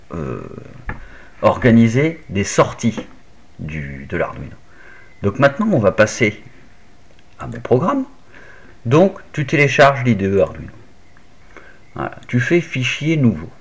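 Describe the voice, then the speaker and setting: A man's voice: medium pitch, big pitch swings, unhurried, pauses often, breathy edge. A man casually walking the viewer through a hands-on electronics tutorial, step by step, with little fillers like "hop" and "tac". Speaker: maker explaining an Arduino project. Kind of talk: casual screen-recorded tutorial.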